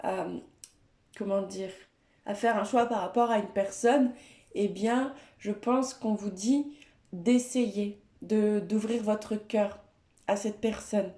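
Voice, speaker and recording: A woman speaking French gives a gentle, hesitant card-reading guidance, with many fillers. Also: medium pitch, slow, reverberant. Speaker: tarot and oracle card reader.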